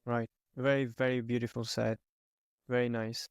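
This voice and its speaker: Guy hosting a podcast, creaky gravelly voice, pretty monotone, thoughtful. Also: mid-range voice, normal speed, no room sound, studio quality. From Greece. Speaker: podcast host. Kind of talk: podcast interview conversation.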